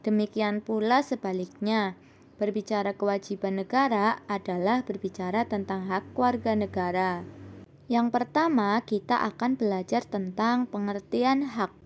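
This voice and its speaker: A young woman, a university student, presenting a scripted lesson in a steady reading voice that rises on her points. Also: medium pitch. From Indonesia. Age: young adult.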